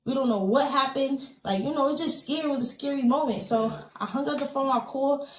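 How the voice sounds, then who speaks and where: A woman with a fairly high voice recounts a personal story as a podcast guest, leaning on quoted dialogue and loose fillers. She tells it earnestly, and her voice bounces around an echoey room. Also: fast.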